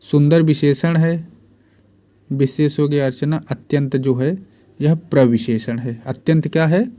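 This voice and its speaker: A man's voice: fairly high pitch, unhurried, dark tone. A man teaching Hindi spelling and grammar for exams, repeating each word and answering his own questions. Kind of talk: exam-prep lesson.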